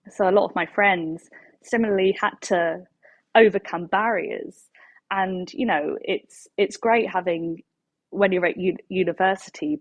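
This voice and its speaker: A woman's voice: fairly low pitch, no echo. A young woman talks casually in a discussion, thoughtful and hesitant, often rephrasing as she goes.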